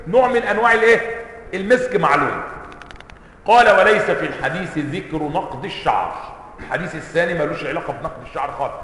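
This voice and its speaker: Man, Egyptian Arabic, high-pitched lecturing voice, hadith lesson, reverberant hall. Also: animated, fast talker, a bit bright, slight background noise. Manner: asks students rhetorical checking questions; reads quotations in a raised, emphatic voice. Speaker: sheikh teaching hadith commentary. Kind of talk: classroom lecture reading and explaining a text.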